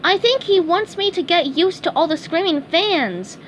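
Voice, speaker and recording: A woman voicing an excitable young male sea sponge in a storybook reading, eager and squeaky. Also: normal speed, slight background noise. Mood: cheerful. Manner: eager, wide-eyed, squeaky. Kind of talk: storybook read-aloud.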